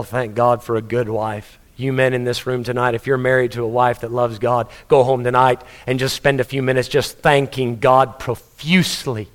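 A man preaching a sermon, telling stories and putting questions to the congregation. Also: medium pitch. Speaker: pastor. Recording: reverberant church hall.

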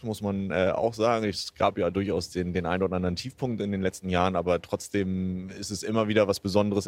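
A man's voice: lowish voice, no echo. A man in his thirties from Bremen, chatting in an outdoor interview with many fillers and restarts. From Bremen, Germany. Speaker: interviewee, football fan. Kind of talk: casual interview. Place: outdoors at a stadium.

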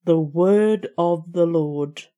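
A woman reading scripture as a lector in a solemn, deliberate liturgical style. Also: on the low side, mellow.

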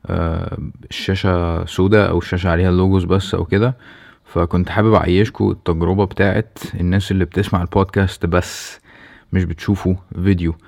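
Deep, creaky, flat-toned Egyptian man. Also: quick pace. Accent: Egyptian Arabic. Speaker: podcast host. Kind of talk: casual solo announcement to listeners.

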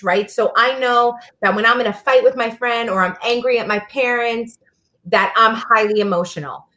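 A woman co-hosting a casual talk show, calmly explaining advice for teens like a counselor. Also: on the high side. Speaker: podcast co-host giving advice to teens.

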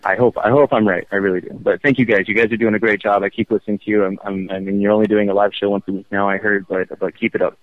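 Thirties male radio show caller on a tinny phone line, earnest, restarts often, low-ish voice. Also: level tone, no room sound. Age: 30s. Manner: earnest, halting, with many restarts. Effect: phone-line call-in audio. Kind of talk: casual call-in chat.

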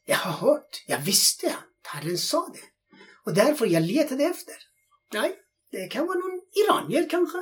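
A man's voice: very high-pitched, very animated. A man telling a personal faith testimony in an interview, speaking in non-native Swedish and acting out the dialogue in his story with feeling.

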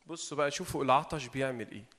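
A man with an Egyptian Arabic accent preaching an informal sermon, animated and asking his audience rhetorical questions. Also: medium pitch, racing, big-room sound. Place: meeting hall.

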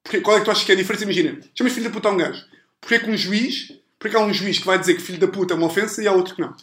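A man's voice: sits high, racing, fairly bright tone. A man hosting a podcast in a home with casual, joking talk. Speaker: podcast host. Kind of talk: casual comedic chat. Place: indoors in a home. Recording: roomy, echoey home recording.

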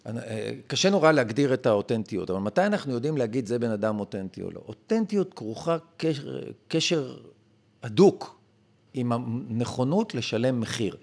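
A man's voice: medium pitch, big pitch swings, creaky, darkish tone. A male podcast guest explaining his ideas in an emphatic, lecturing way. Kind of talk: conversational explanation.

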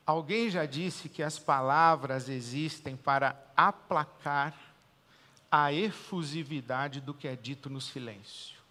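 A man with a Brazilian Portuguese accent preaching a sermon as pastor, swinging between loud emphatic declarations and quiet, hushed pauses. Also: on the high side, in a large hall.

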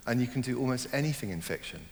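A middle-aged novelist, born in Germany and raised in Hong Kong, thinks aloud during a reflective interview, hesitant and full of fillers and restarts. His mid-range voice is expressive and very fast, with vocal fry. A long reverb tail trails after his words.

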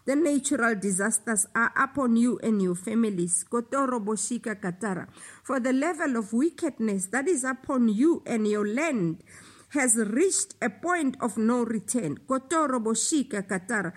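A woman delivering a slow, solemn prophetic utterance, with passages of speaking in tongues between declamatory lines. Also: a little high, expressive. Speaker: prophetic preacher.

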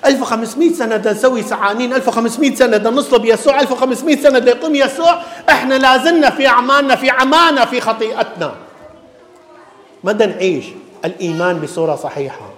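An Iraqi priest delivers an animated sermon, firing off rhetorical questions and acting out the people in his stories. His voice sits very high for a man. The long reverb of a large church hall hangs on every phrase. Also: rapid-fire. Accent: Iraqi Arabic.

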